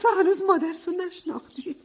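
An actress playing a bitter, overbearing middle-aged single mother who scolds her daughter in a radio drama. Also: very high-pitched. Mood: scolding.

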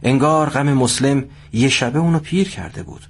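A man narrating a scripted story at a steady pace. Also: medium pitch, husky.

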